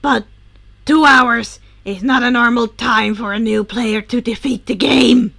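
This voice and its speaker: A woman's voice: a little high, steady tone, measured pace, exaggerated voice. Woman voicing a cranky swearing young villain. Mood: exasperated. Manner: gruff, swearing, loud. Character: irritable foul-mouthed young male villain gamer. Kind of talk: podfic character voice.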